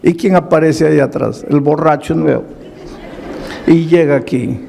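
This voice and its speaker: A man preaching as a pastor, telling a story in a lively way and acting out the people he quotes. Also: a little high, normal speed, vocal fry, a faint crowd, slight background noise. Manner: animated storyteller who voices the people he quotes. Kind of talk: storytelling sermon. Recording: long hall reverb.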